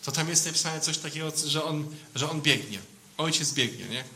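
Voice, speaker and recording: A man's voice: fairly high pitch, normal speed, bright, forceful tone, a little hiss or hum. A man, a priest, giving an informal sermon in a conversational way, often adding a questioning tag to his sentences.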